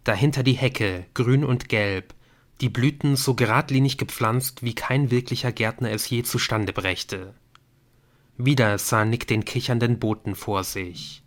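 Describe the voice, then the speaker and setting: Male audiobook narrator, steady storytelling, mid pitch. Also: measured pace. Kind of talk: scripted narration.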